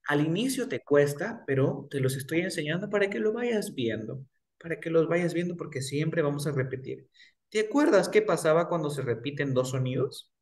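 A young man teaching English pronunciation in a one-on-one lesson, patiently drilling words slowly and repeating them. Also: fairly high pitch, lively intonation.

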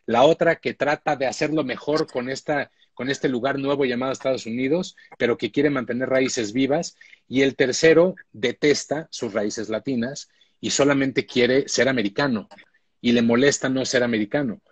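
A man's voice: medium pitch, moderate pace, breathy edge, dry recording. Reflective man on a video call. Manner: thoughtful, reflective, with frequent restarts. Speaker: showrunner and director, guest. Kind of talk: casual live-stream interview. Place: indoor room at home. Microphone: phone or laptop on a video call.

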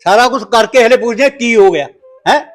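Guy acting stern dad scolding his wife, fairly high voice, lots of proverbs. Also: brisk. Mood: reproachful. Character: wronged father, stern and moralizing. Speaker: actor in a short film. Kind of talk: village family drama acting.

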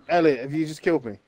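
A man in casual gaming banter with his friends, sweary, giggly and quick to mock-indignation. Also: on the high side, darkish tone, slight background noise. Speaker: gamer playing with friends.

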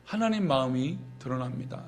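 A male pastor giving a sermon, reading scripture aloud and acting out indignant quotes with lively emphasis. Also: mid-range voice, moderate pace.

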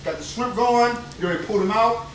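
A man whose voice sits high and moves at a quick pace streams live from his home kitchen in New Orleans, chatting exuberantly and repeating phrases as he cooks. The phone camera moves around the kitchen, so the sound is echoey and distant, full of frying and sizzling.

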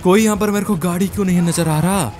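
A young gaming YouTuber with a high voice gives excited Let's Play commentary over faint background music. He speaks in first person as the game character, addressing viewers as "guys" in casual slangy Hinglish and repeating words in quick, frantic bursts.

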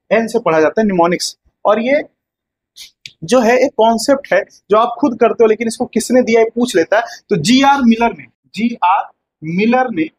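High-voiced male teacher, lecture style. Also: husky, rough recording. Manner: explains step by step with rhetorical questions and "है ना" checks. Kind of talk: exam-prep lecture. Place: classroom with whiteboard.

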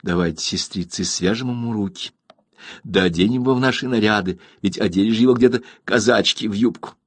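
A man reading an audiobook, voicing playful, teasing young women of a khan's harem in a high falsetto. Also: fairly quick, no room sound, natural voice.

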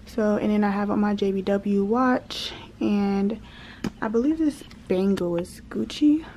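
A woman's voice: medium pitch, measured pace, warm tone, slight background noise. Chatty young woman vlogging to camera. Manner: chatty, rambling, addresses viewers as y'all. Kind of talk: casual vlog chat. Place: at home.

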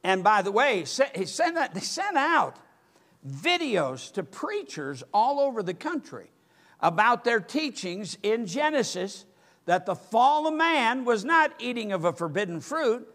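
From a church pulpit, an older pastor delivers a sermon to a sanctuary of empty pews, emphatic and gesturing throughout. His voice is very high-pitched and a bit bright, very animated yet at a measured pace.

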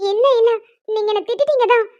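A woman voicing a young woman in an animated cartoon, a fretful bride-to-be who sulks and picks mock quarrels with her fiancé. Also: very high-pitched, fast, muffled recording. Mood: sulky.

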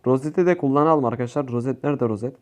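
A young man giving casual gameplay commentary, excitable and swearing at his teammates. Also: medium pitch, very fast. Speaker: gaming youtuber.

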